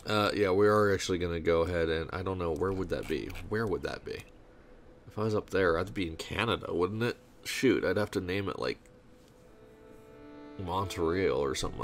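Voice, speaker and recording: A man casually commenting on his strategy game as he plays, rambling and thinking out loud with sarcastic asides, on a desk mic without a pop filter. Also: low-pitched, creaky, slight background noise. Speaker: gameplay commentator. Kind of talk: casual let's-play commentary.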